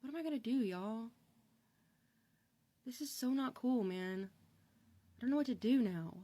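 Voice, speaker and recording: A woman's voice: on the high side, lively intonation, moderate pace, warm tone, a little hiss or hum. A woman talking to the camera in an exasperated, rambling way about an eviction on her record. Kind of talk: casual vlog confession.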